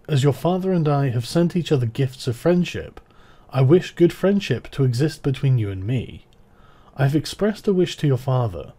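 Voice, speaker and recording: A man with a dark, mellow voice reads old texts aloud as a scripted recitation. He keeps a measured, formal pace, breaking lines into short phrases. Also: medium pitch. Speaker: reader of ancient texts. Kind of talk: scripted recitation of historical letters.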